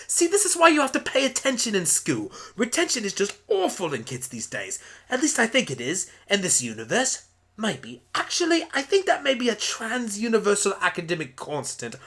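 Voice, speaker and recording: A man's voice: extremely high pitch, pushed and bright, heavily acted. A man playing an eccentric, chatty time-travelling alien pony doctor with a rambling manner in an amateur radio play. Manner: rambling, self-satisfied, breezy.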